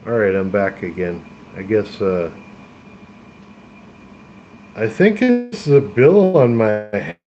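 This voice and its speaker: A man's voice: on the low side, animated, slow pace, long pauses, dull audio. A man rambling casually to his livestream chat, full of fillers and restarts. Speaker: live streamer. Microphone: tablet streaming via phone hotspot.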